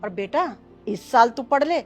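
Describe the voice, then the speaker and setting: A woman's voice: on the high side, animated, unhurried, soft background music. A harsh scolding grandmother. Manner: scolding, contemptuous, sharp commands. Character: harsh, bitter grandmother who scorns girls. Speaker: mother-in-law. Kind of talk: family short-film acting.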